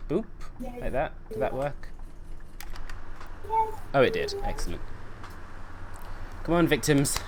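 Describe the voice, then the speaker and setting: Lively, jokey male streamer. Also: on the high side, takes it slowly, pauses often, background noise. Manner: jokey, laughs often, teasing. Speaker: game streamer. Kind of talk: casual chat while streaming a bus simulator.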